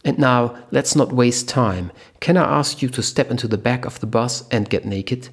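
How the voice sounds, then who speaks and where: A man voicing a ruthless, calm male terrorist leader in a spoken thriller story, cold and businesslike. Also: mid-range voice, normal speed, husky. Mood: cold, menacing.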